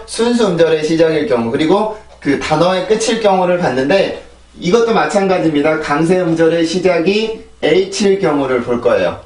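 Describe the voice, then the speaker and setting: A man with a Korean accent gives an English pronunciation lesson. His voice sits slightly high and he stands back from the mic. The room rings around him as he patiently repeats each drill word. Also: roomy sound, distant mic. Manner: explains patiently, drilling words in repeated sets. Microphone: clip-on mic on a phone camera.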